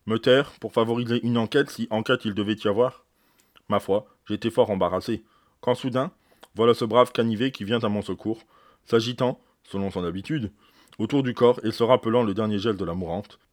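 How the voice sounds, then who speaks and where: A man reading aloud as a proud, precise senior doctor, recounting events in a measured, explanatory way. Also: lowish voice, no room sound, studio quality, close to an everyday voice. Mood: grave recounting. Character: eminent older male doctor, proud, precise.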